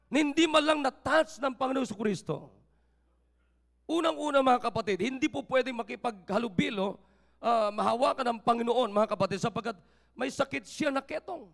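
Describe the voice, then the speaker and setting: A male pastor preaching a sermon, mixing Tagalog with English scripture quotes and rising to shouts. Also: extremely high pitch, moderate pace, vocal fry, in a large hall. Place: church sanctuary.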